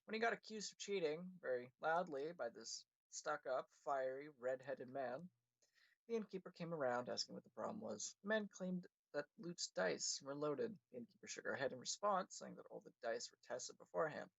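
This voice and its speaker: Gravelly man reading his story aloud. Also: medium pitch, expressive, moderate pace, no echo, muffled recording. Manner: casual, with self-corrections and laughs. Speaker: livestream host and writer.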